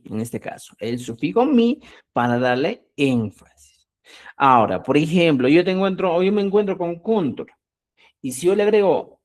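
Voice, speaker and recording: Teacher for a live online class, mid-pitched, animated, quizzes students with questions, stretches words for emphasis. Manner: asks the class rhetorical questions and answers them. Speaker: Quechua teacher. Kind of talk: live online language lesson.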